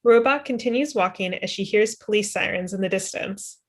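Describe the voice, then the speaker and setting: A woman in her twenties reads stage directions in a matter-of-fact way during a table read held over a video call. Her voice is medium in pitch and fairly quick, and she's in an indoor room at home doing scripted narration.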